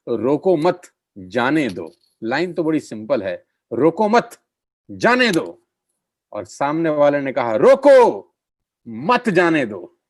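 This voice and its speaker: Persuasive man giving a sales pitch. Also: dry recording, studio quality. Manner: persuasive, repeats phrases for emphasis; addresses listeners as friends. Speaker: network marketing presenter. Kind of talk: business opportunity presentation.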